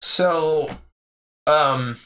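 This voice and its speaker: A man's voice: fairly high pitch, drawn-out words, pushed and bright, clear, resonant tone. A young man co-hosting a casual podcast, laughing often, rambling and asking curious questions. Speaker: podcast co-host.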